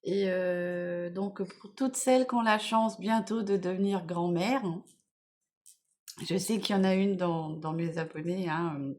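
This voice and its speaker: A steady, measured, slightly mellow voice on the low side belongs to a middle-aged woman filming a morning makeup vlog at home. She rambles casually and sounds tired, often trailing off before getting back on track, with lots of "voilà" and "bon, bref".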